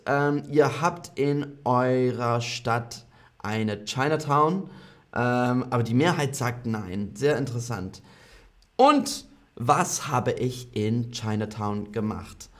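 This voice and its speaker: A man teaching German in a live online lesson, repeating each phrase slowly and clearly and reading out comments from his learners. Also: fairly high pitch.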